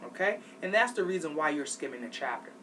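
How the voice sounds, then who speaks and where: A man's voice: fairly high pitch, very animated, fast, bright, forceful tone. A man who teaches adult learners gives a study-skills lesson, stressing points and checking in with "okay?" after each step. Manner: emphatic, repeats "okay?" to check in. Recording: distant mic with faint background noise.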